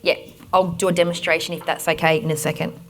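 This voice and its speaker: A woman with an Australian accent presenting a conference workshop, giving direct, energetic instructions to the audience. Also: low-pitched, fast, a little hiss or hum.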